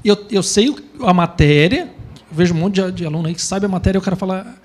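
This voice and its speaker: A man's voice: high voice, fast, a little mellow. A man on a live panel, explaining to lawyers in plain terms. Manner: explains plainly, imitates hesitant students. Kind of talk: casual panel talk.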